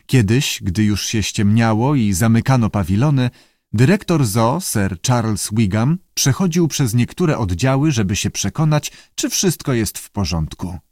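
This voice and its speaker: Male audiobook narrator, measured, lively intonation, dry close sound. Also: medium pitch, dry recording. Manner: steady, measured. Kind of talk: audiobook reading.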